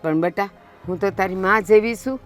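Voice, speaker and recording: A woman's voice: medium pitch, fairly quick, no echo, faint music behind, close to an everyday voice. A woman playing a pleading elderly village mother. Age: older. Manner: pleading, urging others to speak quietly.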